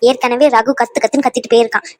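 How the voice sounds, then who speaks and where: Brief: woman, bright high voice, tender cartoon family drama. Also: steady tone, very fast, dry recording. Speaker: voice actor for women in a family cartoon.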